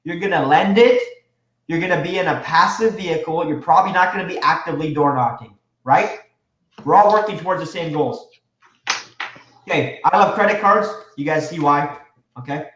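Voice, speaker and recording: A man teaching a live real estate seminar, energetic and quizzing his audience with questions. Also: fairly high pitch, normal speed. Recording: echoey room, dull lo-fi sound.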